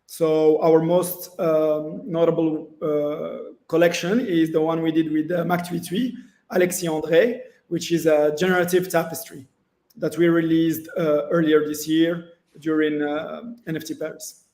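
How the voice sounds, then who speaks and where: Flat-voiced man from Morocco, echoey room. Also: a little high, measured pace. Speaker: gallery founder. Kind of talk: conversational self-introduction.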